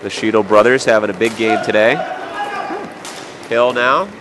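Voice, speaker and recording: A man calls a local hockey game play-by-play in a lowish voice, a bit stuffy and nasal from a cold. He drops in jokey, chatty asides between the action. Faint arena noise sits behind him. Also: fairly even intonation, fast. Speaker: play-by-play commentator. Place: indoor sports arena.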